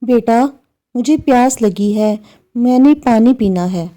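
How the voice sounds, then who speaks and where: Storybook figure: elderly mother, played by a woman storyteller, gentle yet firm, on the high side. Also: slow pace. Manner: soft and patient, turning to firm lecturing. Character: patient older mother, calm then scolding.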